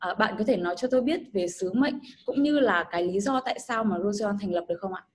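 A young woman hosting an interview over a video call, speaking slow, careful English between Vietnamese lines. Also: medium pitch, a little hiss or hum. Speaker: interview host. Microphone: video call webcam.

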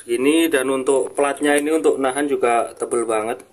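Calling his viewers boss, a young seller runs through an informal product review demonstration. He speaks at medium pitch with fairly even intonation and a moderate pace, recorded in a noisy home video full of clicks.

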